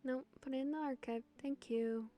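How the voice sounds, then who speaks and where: A young adult woman streaming a relaxed game, reading its text aloud with dry, wry asides. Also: high-pitched, normal speed, soft background music. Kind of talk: casual game commentary.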